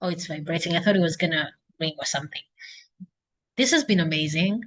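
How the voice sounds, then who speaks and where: In a low-pitched, brisk voice, a young woman with a Kenyan accent keeps an unscripted, self-encouraging video diary, casually thinking aloud to her laptop indoors at home by a couch.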